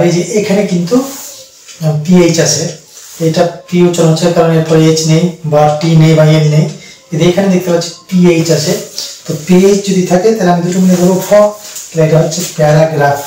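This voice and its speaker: A man teaching an English pronunciation lesson, explaining slowly and repeating each word. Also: sits high, a little mellow, very echoey, distant mic, slight background noise, low-quality recording. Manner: slow, repetitive explaining with fillers.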